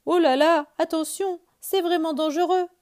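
A woman voicing a big, gentle, cautious male bear who frets and soothes in a children's story. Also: high voice, animated, very slow, voice pushed up, full character voice. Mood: cautious fretful.

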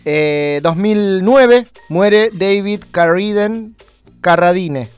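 A man's voice: high voice, extremely slow, clean tone, faint music behind. A man with an Argentine accent hosting a radio show, running through the day's dates in an informative, affirming way. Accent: Argentine Spanish. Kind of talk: casual radio chat.

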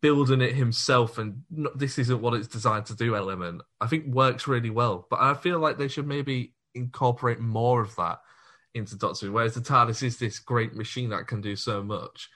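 A man's voice: medium pitch, normal speed, a bit bright. A man co-hosting a podcast, chatting casually and enthusiastically, laughing easily. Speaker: podcast co-host. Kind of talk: casual chat.

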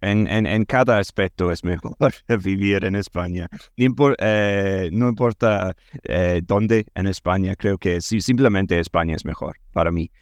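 A Scottish man, a native English speaker, speaking conversational non-native Spanish in an interview, halting and repeating words as he searches for them. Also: low-pitched, no room sound, clean studio sound. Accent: Scottish accent in Spanish. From Scotland. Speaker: interview guest, language learner and former English teacher.

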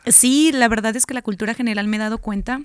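A woman, a TV news anchor, talking as a guest in a casual interview, lively and quick to laugh. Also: on the high side, smooth, no echo, studio quality. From Mexico. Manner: lively, laughs often, animated asides.

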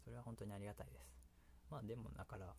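A man's voice: on the low side, fairly even intonation, racing, creaky, a little mellow, a little hiss or hum. A man with a Kansai accent hosting a casual solo radio talk, rambling and often laughing at himself. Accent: Kansai Japanese. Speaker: solo radio host and creator.

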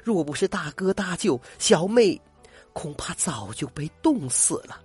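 An older man voicing a gentle, grateful young woman in disguise, with soft, earnest speech, in a told folk tale. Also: on the low side, expressive, unhurried, husky, soft background music, voice pushed up, exaggerated voice. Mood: sorrowful.

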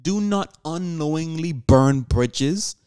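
A man's voice: on the high side, animated, takes it slowly, darkish tone, smooth, dry recording, studio quality. A seventeen-year-old man hosting a solo podcast, talking earnestly and preachily to his listeners with rhetorical questions, often restarting and repeating words. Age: teens. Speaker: podcast host.

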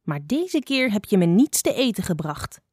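A woman voicing a blind, sharp-tongued old female fox who scolds impatiently. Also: medium pitch, very animated, moderate pace, no echo, studio quality. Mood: stern.

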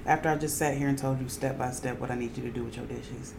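A woman's voice: a bass voice, fairly even intonation, fast, vocal fry, a little mellow, a little hiss or hum. A woman co-hosting a casual podcast chat, making sarcastic quips and acting out quotes. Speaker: podcast co-host.

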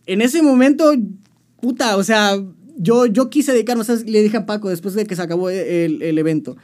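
His voice sits high and a little mellow, at normal speed, with a Mexican Spanish accent. The young musician chats casually in an interview, telling his story with slang and often starting again.

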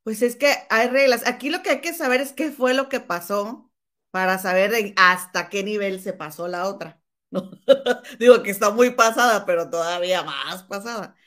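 A woman's voice: mid-range voice, normal speed, fairly bright tone. A woman in casual chat with a friend, reacting strongly and calling her comadre.

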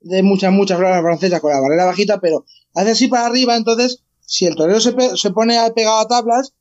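A man in casual podcast chat, halting and repeating his words. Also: high voice. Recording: dull lo-fi sound.

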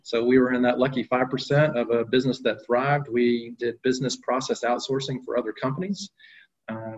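A middle-aged company executive appears as an interview guest, answering questions conversationally in a mid-range voice. He uses plenty of fillers and often restarts his sentences, and the audio sounds dull.

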